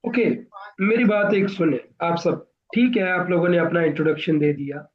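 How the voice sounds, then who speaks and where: Pakistani guy coaching an online class, high voice, slow and careful, kinda dull lo-fi sound. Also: animated. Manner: deliberate, explanatory, addresses students directly. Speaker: interview coach.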